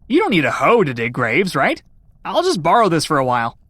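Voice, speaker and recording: An actress playing a quirky, quick-witted young heroine in a video game, with a wry, cheeky manner. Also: female voice, low-pitched, huge pitch swings, fairly bright tone, husky, no room sound, exaggerated voice. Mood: wry, amused. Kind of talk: video game character acting.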